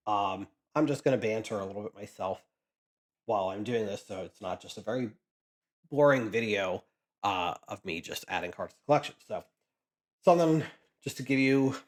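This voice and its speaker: A man's voice: on the low side, moderate pace. A man casually chatting as he sorts trading cards for his channel, rambling with frequent restarts. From Pennsylvania, US. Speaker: card collecting vlogger. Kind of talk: casual chat while sorting cards.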